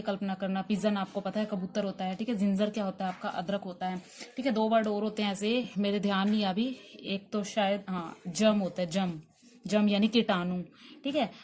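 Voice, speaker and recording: A woman's voice: mid-range voice, a little mellow. A woman teaching an online pronunciation lesson, explaining patiently and spelling words out letter by letter with frequent check-ins. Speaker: English teacher.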